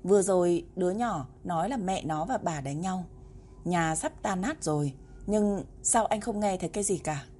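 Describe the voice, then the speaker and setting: A woman narrating a story in a steady, even way, as in an audiobook. Her voice sits low and mellow. A faint hiss can be heard behind her.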